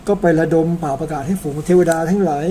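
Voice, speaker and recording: Telling an old epic, a storyteller from Thailand keeps it casual and talkative, with polite particles tacked onto his sentences and personal remarks slipped in. He has a fairly high, dark-toned voice and a quick pace; slight background noise is present.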